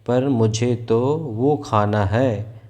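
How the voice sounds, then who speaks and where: A man's voice: medium pitch, darkish tone. A man reading a hungry jungle animal. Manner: read aloud slowly for children. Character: hungry male jungle animal from a children's story.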